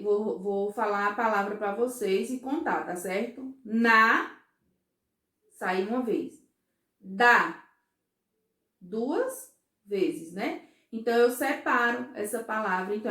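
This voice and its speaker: Brazilian lady teaching little kids, slow and patient, kinda high voice, echoey room. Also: fairly bright tone. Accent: Brazilian Portuguese. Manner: slow, patient, asks children "certo?" and "ó" often. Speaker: first-grade teacher. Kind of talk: recorded remote class for young children.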